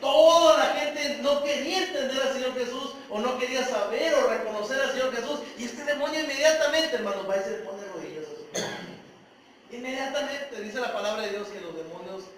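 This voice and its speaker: A man's voice: very high voice, brisk, fairly bright tone. A man preaching a sermon in church, earnestly asking his congregation questions. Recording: echoey church hall, mic far off.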